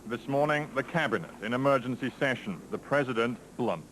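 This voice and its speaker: A man reporting as a television news correspondent in a measured, grave scripted delivery, heard from a worn videotape copy. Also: mid-range voice, expressive, fairly bright tone, slight background noise, poor audio. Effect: worn VHS tape copy.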